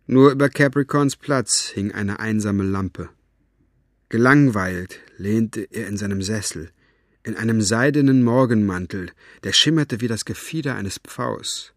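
A man narrating an audiobook in a measured, low-key reading. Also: no room sound, studio quality. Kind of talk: scripted narration.

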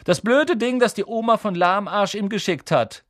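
Malfoy: a man doing a high sneering boy bully. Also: normal speed, dry recording, clean studio sound, natural voice. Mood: taunting. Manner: taunting, mocking.

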